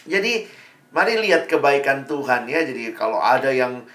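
A man's voice: medium pitch, big pitch swings, normal speed, a bit bright, echoey room. A man preaching a sermon in a conversational, storytelling manner with rhetorical questions. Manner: calls himself [name].

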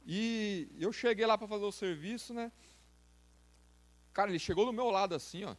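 A Brazilian man in his thirties preaches to young people, informal and full of slang. His voice sits high for a man, and he talks straight at his listeners. He sounds like a reserved man pushing himself to exhort. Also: moderate pace. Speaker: youth preacher. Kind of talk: sermon.

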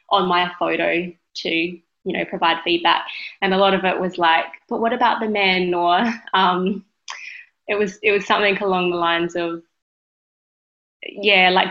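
An Australian woman with a fairly low voice full of vocal fry. She talks reflectively as a guest in a conversational interview, often hesitating over her phrasing. The sound is a little dull and lo-fi. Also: a bit bright. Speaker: interview guest, parenting advocate.

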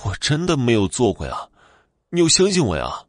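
A man's voice: lowish voice, expressive, normal speed, no echo, clean studio sound. Man playing a scared young man. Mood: protesting. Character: frightened young man on a ghost bus.

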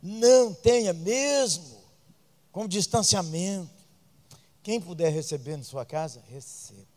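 Man, Brazilian accent, pastor, high-pitched, humorous sermon, loud outbursts. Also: animated, unhurried, big-room sound.

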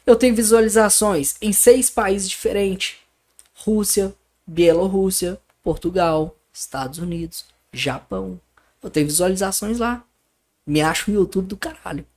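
Lively storytelling man. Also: high voice, unhurried. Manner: animated storyteller, acts out dialogue. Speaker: podcast guest, YouTuber. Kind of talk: casual podcast conversation.

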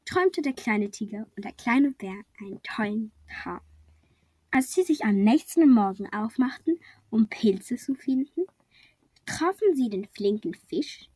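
Female storybook reader, high and breathy, unhurried and playful. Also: darkish tone, no room sound. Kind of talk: children's storybook reading.

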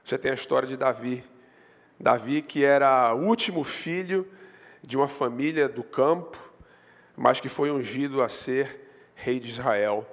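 A Brazilian man preaching a sermon as a pastor, in storytelling style, his voice rising in pitch and force on the points he stresses. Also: a little slow. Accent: Brazilian Portuguese. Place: church sanctuary. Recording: long hall reverb.

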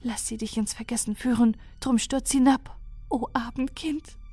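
A fearful young alien weaver woman, as a woman reader puts her on, speaks in a raised, pleading voice that trembles with despair. The recording is dry and close, with soft music running under the storybook reading. She sounds hopeless and close to breaking. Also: a little high, fairly even intonation, moderate pace, husky, dry recording, voice pushed up. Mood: solemn recital.

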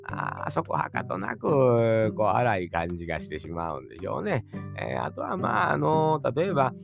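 A man with a Kansai accent hosting a solo podcast, musing in a folksy way that mixes formal endings with dialect and long drawn-out fillers. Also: mid-range voice, huge pitch swings, vocal fry, music in the background. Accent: Kansai Japanese. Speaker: podcast host. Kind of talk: rambling solo podcast monologue.

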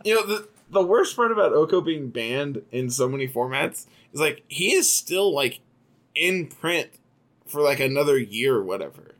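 A man's voice: on the high side, very animated, moderate pace. A man co-hosting a casual podcast, chatting loosely about a card game, laughing easily. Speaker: podcast co-host.

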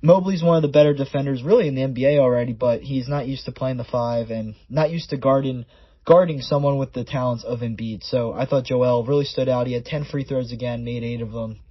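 A man's voice: medium pitch, brisk, slightly rough, no room sound. A man hosting a solo sports podcast in a conversational, stat-by-stat way, his voice sounding muffled and underwater. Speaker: podcast host.

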